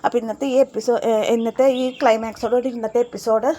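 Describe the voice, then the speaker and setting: A woman retelling a TV serial episode for her channel in a rapid, chatty storytelling manner with fillers. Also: on the high side, level tone, mellow, slight background noise. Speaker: serial recap channel host.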